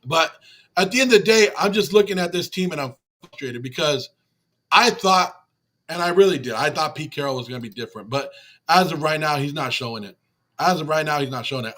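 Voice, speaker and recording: A man's voice: on the high side, a little fast, sharp tone. A man hosting a livestream after a game, talking emotionally and repetitively as he reads and answers chat comments. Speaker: fan channel host on a livestream. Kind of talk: livestream postgame rant.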